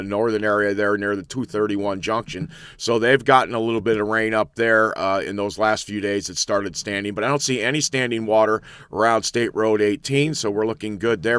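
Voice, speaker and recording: Male weather host, relaxed and rambling, smooth dry close sound. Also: lowish voice, no echo. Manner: chatty, rambling, thinks aloud with many fillers. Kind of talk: casual live weather analysis.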